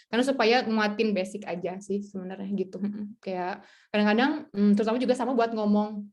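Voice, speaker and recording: A young adult woman speaking as a guest tutor in a casual webinar talk over a video call, chatty and animated, laughing often and acting out other people's replies. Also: mid-range voice, a little fast. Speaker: guest speaker, French tutor and content creator.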